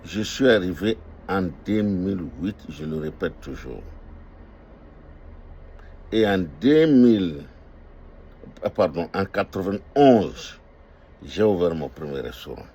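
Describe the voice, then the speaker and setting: Slow and full of long pauses, an older man who owns restaurants holds forth passionately on politics, repeating emphatic declarations and using hesitant fillers. His low voice is animated, dark in tone, with a breathy edge.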